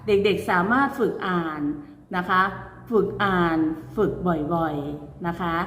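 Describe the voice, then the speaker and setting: A woman from Thailand teaching a primary school class, reading words out slowly and clearly for pupils to repeat and mixing in simple English phrases. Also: fairly low pitch, animated, slight background noise. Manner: reads words out then repeats them clearly for pupils to copy. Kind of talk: recorded online class lesson. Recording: echoey room with long reverb.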